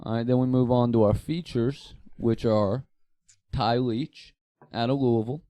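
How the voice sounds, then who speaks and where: A man's voice: medium pitch, fairly even intonation, unhurried, mellow, dry recording. An American man co-hosting a comedy podcast, laid-back and crude, saying dude a lot. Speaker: podcast co-host. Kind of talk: casual podcast banter.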